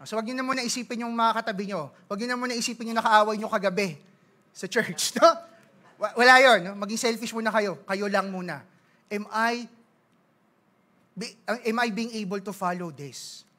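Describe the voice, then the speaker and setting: A Filipino man preaching a sermon as pastor, mixing Tagalog with English, reading scripture slowly and joking with the congregation. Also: sits high, sharp tone. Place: church service.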